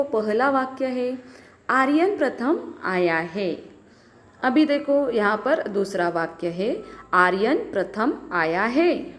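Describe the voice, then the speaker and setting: A woman teacher slowly and patiently explaining a grammar lesson to children. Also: fairly high pitch.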